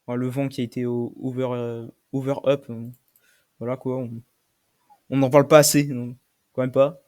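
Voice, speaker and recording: A young man commentating his own game play, swearing often and shouting when he loses. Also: mid-range voice, little pitch movement, moderate pace. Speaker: gaming streamer.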